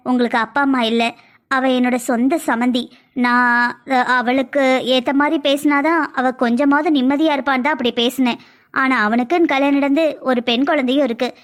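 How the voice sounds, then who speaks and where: A woman's voice: high-pitched, steady tone, brisk, close to an everyday voice. Brief: woman as a nagging, worried housewife, cartoon. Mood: persuading. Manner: complaining, insistent. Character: married housewife, worried and insistent. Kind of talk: cartoon voice acting.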